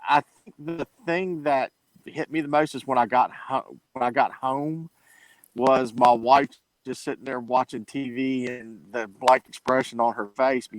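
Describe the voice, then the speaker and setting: A man joining a discussion over a remote call, his voice breaking up on a bad connection, speaking in a halting, apologetic way. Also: medium pitch, steady tone, no echo, low-quality recording. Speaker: panel guest. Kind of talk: casual discussion.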